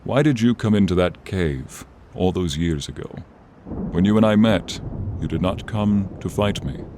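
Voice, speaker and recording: A man with a deep voice plays a noble, friendly male dragon, earnest, brave and loyal, in a dramatic fantasy ASMR roleplay monologue for the listener. His intonation is lively and his mood solemn and earnest, with grandiose, deliberate storytelling. Rain, thunder and rumbling storm ambience sound clearly behind.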